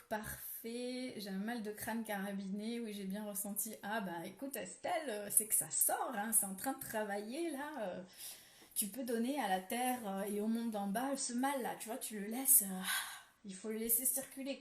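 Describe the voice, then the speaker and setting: A woman speaks gently as she hosts a live-streamed spiritual ritual. She reads out viewer comments in a relaxed way, with frequent fillers. Her mid-pitched voice sits in a roomy, echoing space. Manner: soft, gentle guidance with many fillers. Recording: roomy echo.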